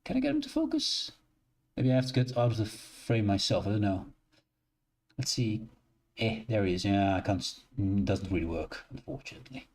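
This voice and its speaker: A man's voice: lowish voice, fairly even intonation, moderate pace, darkish tone. A young Dutch man with a Dutch accent, chatting casually with his live-stream chat from a shared living room, rambling and correcting himself as he goes. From Netherlands.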